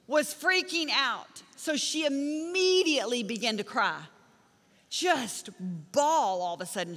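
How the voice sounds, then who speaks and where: A middle-aged woman preaching a sermon in a large church auditorium, her high, bright voice ringing with a long hall reverb. She tells stories and drives her points home with punchy, repeated phrases. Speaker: pastor.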